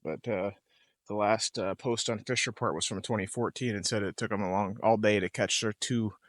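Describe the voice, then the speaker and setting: Relaxed low-voiced man vlogging outdoors. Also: moderate pace, no room sound. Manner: relaxed, rambling, frequent "uh" hesitations. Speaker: camping vlogger. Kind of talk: casual outdoor vlog. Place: outdoors at a lakeside campsite.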